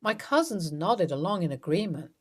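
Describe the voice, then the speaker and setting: A woman's voice: lowish voice, big pitch swings, normal speed, slightly rough. A woman reading a first-person story aloud with a dramatic, emotional delivery. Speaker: narrator.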